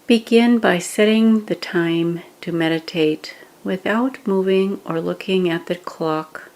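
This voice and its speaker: Gentle, measured scripted guidance with pauses comes from a woman running a guided meditation. Her voice is on the low side.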